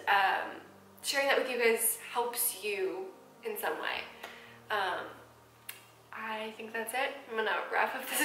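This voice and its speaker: Bright-voiced woman in her twenties, candid. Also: on the high side, roomy sound, slight background noise, rough recording. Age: 20s. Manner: candid, emotional, many ums and restarts. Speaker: vlogger. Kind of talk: personal vlog talking to camera. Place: apartment room.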